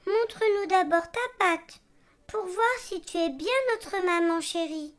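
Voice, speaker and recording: A woman voicing a chorus of young goat kids, high and shrill in a storybook reading. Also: unhurried. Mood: wary. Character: seven frightened little goats, young and wary.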